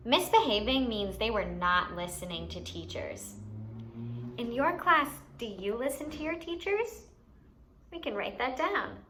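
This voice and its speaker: Hosting a lesson for little ones, a woman uses a slightly high, sharp voice carrying a faint hiss or hum. She keeps her explanations simple and expressive and puts questions to whoever is listening.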